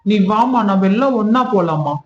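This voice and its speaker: A man's voice: high-pitched, lively intonation, moderate pace, a little hiss or hum. A man playing a fond husband in a home skit, calling his wife pet names and coaxing her along. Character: doting husband, affectionate, pushy about family. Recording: echoey, dull room recording.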